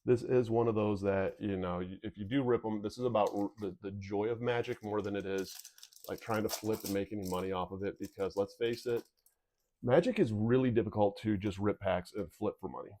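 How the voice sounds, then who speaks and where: A man's voice: lowish voice, fairly even intonation, a little fast, dark tone. A man hosting a casual card pack opening video, talking in a rambling, candid way with sniffles and a whistling nose. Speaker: video host.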